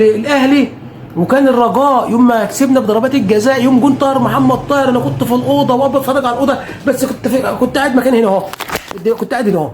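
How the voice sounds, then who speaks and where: There's slight background noise behind this very high-pitched male voice. The speaker, a football fan streamer with an Egyptian Arabic accent, addresses the camera casually, hammering points home with repetition, emphasis and sworn oaths.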